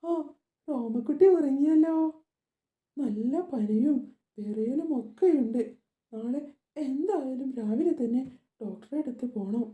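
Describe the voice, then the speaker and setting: Woman voicing a fretful young mother doll, high soft voice, mellow tone, slow and soothing, homemade doll story. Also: lively intonation. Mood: worried. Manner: soft and soothing, fussing over the child. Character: anxious young mother doll tending a sick child. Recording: echoey room.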